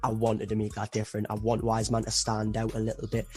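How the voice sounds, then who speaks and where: A young man from England, a rapper appearing as a podcast guest, chats casually in an interview, speaking earnestly and reflectively and saying "me" instead of "my." His English-accented voice is fairly low, monotone, fast and a little mellow, with faint music in the background.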